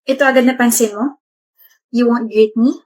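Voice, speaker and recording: A woman's voice: a little high, fairly even intonation, normal speed, a little mellow. Woman in a mock-serious skit voice. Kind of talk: acted comedic skit.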